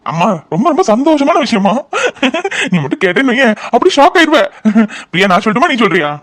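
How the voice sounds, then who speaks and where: A man voicing an excited young husband in a cartoon family drama. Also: high-pitched, heavily acted. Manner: eager, rushed, joyful.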